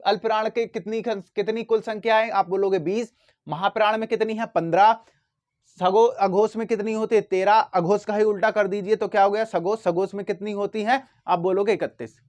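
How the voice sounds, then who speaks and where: A man's voice: sits high, fairly even intonation, a little mellow. Man, teacher, classroom lesson, asks and answers himself, repeats sounds. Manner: repeats words and sounds slowly to demonstrate.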